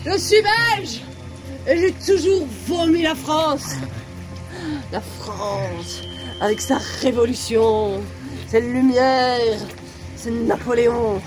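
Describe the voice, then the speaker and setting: An actress playing a feverish, delirious spy woman in a radio drama, rambling between hushed words and outbursts. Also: a little high, expressive, slow, over music.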